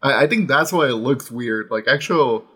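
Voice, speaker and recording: A man's voice: mid-range voice, lively intonation, normal speed, bright, forceful tone, slightly rough. A man co-hosting a casual podcast, easygoing and chuckling as he steers the chat. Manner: easygoing, chuckling, drifts between topics. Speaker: podcast co-host.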